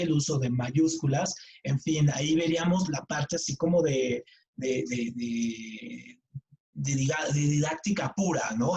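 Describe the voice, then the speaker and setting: A man's voice: a little high, darkish tone, low-quality recording. A middle-aged man with a Mexican accent teaching a writing workshop in a casual, chatty way, often restarting and repeating words. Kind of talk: online class lecture.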